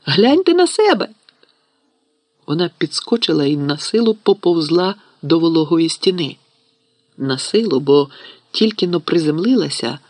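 A man narrating a fantasy audiobook in a steady storytelling manner. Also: on the high side, dry recording. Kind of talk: scripted narration.

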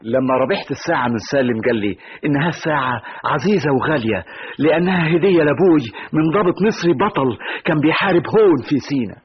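An actor quoting a Bedouin man in a Sinai Bedouin accent, recounting slowly, in an old radio drama. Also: a little high, animated, slightly rough, voice pushed up. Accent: Sinai Bedouin Arabic. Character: Bedouin man remembering a story. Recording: dull old radio recording.

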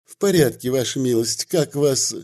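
A man's voice: medium pitch, expressive, moderate pace, mellow, close to an everyday voice. A man reading aloud and voicing a sly, fawning village miller who blusters and pleads.

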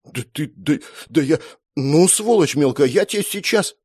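A man voicing a sharp-tongued young woman who scorns her younger brother, sarcastic and quick to threaten. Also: mid-range voice, big pitch swings, no echo, clean studio sound, pitched above the performer's own voice. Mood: outraged.

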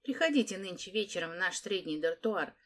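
A woman voicing a sly, bossy teenage girl in an orphanage, talking in quick, mocking patter for an audiobook. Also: on the low side, animated. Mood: coaxing.

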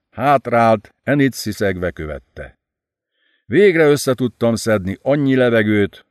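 A man narrating an audiobook in an expressive, dramatic storytelling manner. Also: fairly low pitch, smooth, dry recording, clean studio sound.

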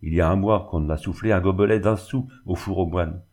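A man's voice: sits low, brisk, a little mellow. A man voicing a jovial, gossiping old male peddler with a folksy way of talking, in a storybook reading. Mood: chatty.

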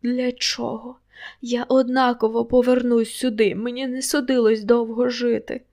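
A woman's voice: fairly high pitch, level tone, moderate pace, a little mellow, natural voice. A woman voicing a despairing young woman trapped in a world of spirits, speaking in tearful, pleading protests.

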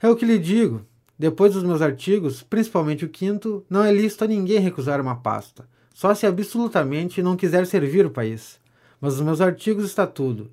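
In an audio drama of a 19th-century stage comedy, a man with a Brazilian accent and a fairly high voice plays a vain, self-important gentleman pamphleteer who knows it all about politics. He declaims pompously and heaps on flattery, sounding self-satisfied and fawning.

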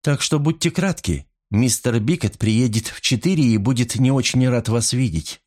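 A man voicing a polite young woman who grows sharp and indignant, in a storybook reading. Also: mid-range voice, normal speed, voice pushed up, lightly acted. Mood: guarded, polite.

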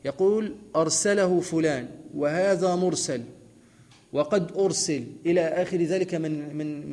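Arabic teacher correcting a student reader. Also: male voice, on the high side, dark tone, in a large hall. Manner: explains patiently, corrects the reader's pronunciation. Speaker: hadith teacher. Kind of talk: Islamic study lesson.

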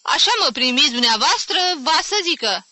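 A woman voicing a tipsy, touchy older gentleman who drawls his words nasally, in an audiobook reading. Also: fairly high pitch, lively intonation, dry recording, pitched above the performer's own voice. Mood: tipsy, indignant. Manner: nasal drawl, gallant yet offended.

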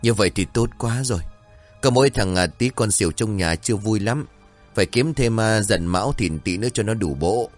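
A man's voice: fairly low pitch, lively intonation, moderate pace, soft background music. A male storyteller voicing an easygoing young husband who jokes and brushes off his wife's fears. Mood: joking. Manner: cheerful, coaxing, brushing off fears.

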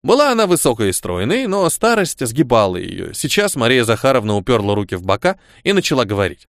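A man reading a first-person novel aloud as an audiobook narrator, with expressive storytelling. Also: medium pitch, fairly quick, no room sound, clean studio sound.

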